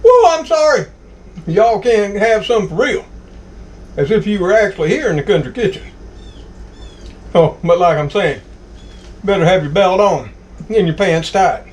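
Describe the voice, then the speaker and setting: A man's voice: high voice, lively intonation, moderate pace, long pauses, rough recording. A man with a Southern US accent hosting a casual home cooking vlog, folksy and exclamatory as he savors his food. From Southern United States. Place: home kitchen.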